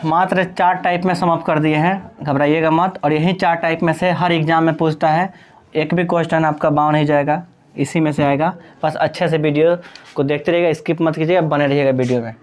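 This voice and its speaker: Patient male teacher, fairly high voice. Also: steady tone, a little fast. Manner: patient, repeats points, checks in with "ठीक है"; addresses students fondly as "Babu". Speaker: English teacher. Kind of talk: Hindi-language grammar lesson at a board.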